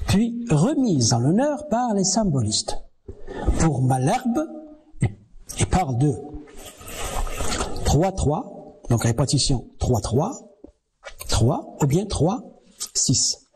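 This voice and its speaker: Slow, lively-pitched male lecturer. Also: a little hiss or hum. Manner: slow, deliberate, counting syllables aloud. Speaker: university lecturer. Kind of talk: televised distance-learning lecture.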